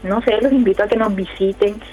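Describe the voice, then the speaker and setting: Young woman, flat hesitant speech. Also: mid-range voice, fairly quick. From Colombia, Córdoba department. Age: 20s. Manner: hesitant, many fillers and restarts. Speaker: youth council leader, radio guest. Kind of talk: casual radio interview answers. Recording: muffled radio audio, faint music behind.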